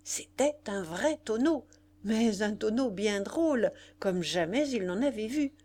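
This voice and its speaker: A woman with a mid-range voice narrates a classic novel as an audiobook, reading in a measured yet expressive way.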